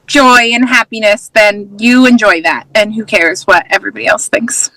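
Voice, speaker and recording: A woman's voice: medium pitch, moderate pace, no echo, low-quality recording. A woman from Massachusetts, a mom and preschool teacher, talking relaxedly as an interview guest and using many "like"s. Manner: relaxed, laughs often, many "like"s. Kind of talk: casual interview.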